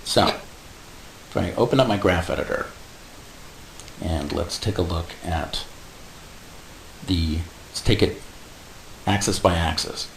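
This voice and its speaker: A man explaining animation software step by step in a casual tutorial, adding little sound effects like "boom". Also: slow, vocal fry, pauses often. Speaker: animation instructor. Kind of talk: screen-recorded software tutorial. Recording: echoey room with faint hiss.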